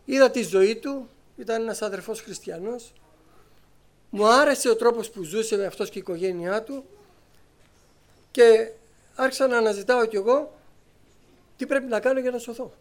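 High-voiced man telling his testimony. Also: pauses often. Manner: lively storyteller, acting out conversations. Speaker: church member giving testimony. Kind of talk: personal testimony to a congregation.

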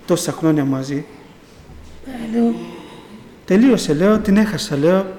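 There's a little hiss or hum on this recording of a middle-aged man with a warm, high-pitched voice and lively intonation. He offers a meandering faith testimony at church, repeatedly saying "I say" while retelling it. The hall is echoey with long reverb.

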